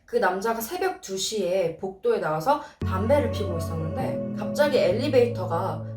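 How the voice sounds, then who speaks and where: A woman telling scary stories in an animated way, quoting the characters in their own voices. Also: medium pitch, moderate pace, echoey room, distant mic, over loud music. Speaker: horror storyteller.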